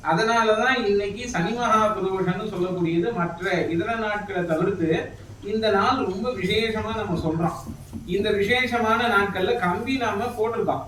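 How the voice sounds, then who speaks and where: A temple priest speaking earnestly to devotees, chiding them gently and explaining the ritual with humility. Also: male voice, high-pitched, moderate pace. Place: temple hall. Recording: echoey, from far off, faint noise.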